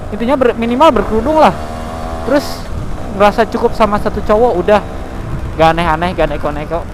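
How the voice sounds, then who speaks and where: A man's voice: high voice, fairly quick. A man, chatting candidly and rambling from the heart while riding a motorbike at night. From Cianjur, West Java. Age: 20s. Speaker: vlogger. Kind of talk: casual confessional chat while riding at night. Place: outdoors on a motorbike at night in town traffic. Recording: loud road and traffic noise.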